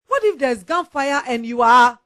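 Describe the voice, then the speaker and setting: A woman's voice: high voice, expressive, moderate pace, a bit bright. A woman with a Ghanaian English accent playing a sergeant's worried wife who pleads with him. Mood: pleading.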